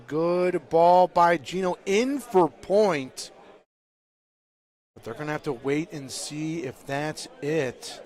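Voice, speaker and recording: Excited male bocce commentator. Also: a little high. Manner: calm explaining, then loud excited bursts on big shots. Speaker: play-by-play commentator. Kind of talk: live sports commentary. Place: indoor bocce court.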